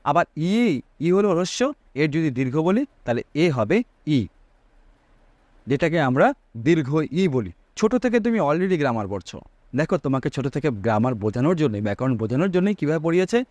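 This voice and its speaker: A man's voice: a little high, sing-song, a little fast, a little mellow, dry recording. A man teaching a Sanskrit grammar lesson, asking his students rhetorical questions and drawing out vowel sounds to show their length.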